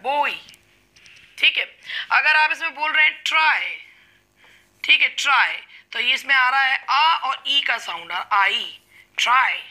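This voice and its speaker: A woman teaching an English spelling lesson, explaining slowly and drawing out her example words. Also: a little high, bright, forceful tone. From India. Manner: slow, drawn-out explanations with stretched example words. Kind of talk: classroom lesson.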